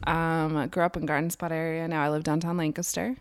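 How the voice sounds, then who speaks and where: A woman's voice: sits low, little pitch movement, quick pace, smooth. A woman in her thirties co-hosting a podcast in casual chat, easygoing and chatty with "like" fillers. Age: 30s. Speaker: podcast co-host.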